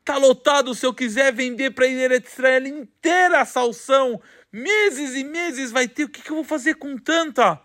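A man's voice: high-pitched, animated, measured pace, heavily acted. A man voicing an anxious grown farmer who stammers and exclaims in disbelief. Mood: worried.

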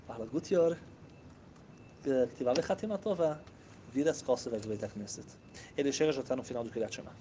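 A man giving a storytelling sermon, animated, acting out the people in his stories. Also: medium pitch, a little hiss or hum. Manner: animated, acts out characters' voices. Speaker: rabbi telling stories.

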